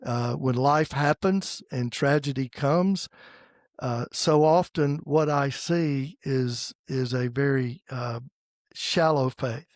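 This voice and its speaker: A man in his sixties from the United States, hosting a podcast in a casual faith conversation and pausing often with fillers and restarts. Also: medium pitch, dry recording, clean studio sound. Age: 60s. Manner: halting, with many fillers and restarts. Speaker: podcast host.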